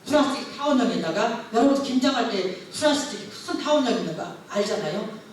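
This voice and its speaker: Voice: medium pitch, animated, brisk, a little hiss or hum. A pastor preaching a sermon through a story, acting out the dialogue as it goes. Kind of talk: testimony sermon. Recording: very echoey church hall, mic far off.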